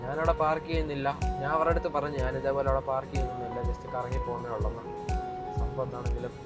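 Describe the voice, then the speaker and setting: A man's voice: medium pitch, level tone, quick pace, loud music behind the voice. A young Malayali man chatting casually to viewers in a driving vlog, mixing English words and slang into his speech. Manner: informal, repeatedly addressing viewers. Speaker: vlogger.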